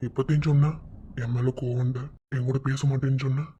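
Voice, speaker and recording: A man's voice: medium pitch, flat delivery, fast talker, warm tone, breathy edge, close to an everyday voice. A man voicing a young village husband in a cartoon, firm and pleading, with a Madurai Tamil accent. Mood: earnest. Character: young village husband, gruff but caring. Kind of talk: cartoon voice acting. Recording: dull lo-fi sound.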